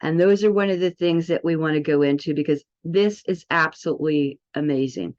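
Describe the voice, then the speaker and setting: Talking a little fast in a low, darkish voice, a presenter shows off a health product, chatty and upbeat as she addresses her viewers directly. The sound quality is dull and lo-fi.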